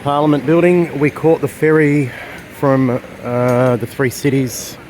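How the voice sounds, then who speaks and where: A man's voice: mid-range voice, flat delivery, unhurried, a little mellow. A man from Australia with an Australian accent, chatting casually as he narrates a walking tour outdoors on city streets. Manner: chatty, rambling, with fillers. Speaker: travel vlogger. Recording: street noise behind.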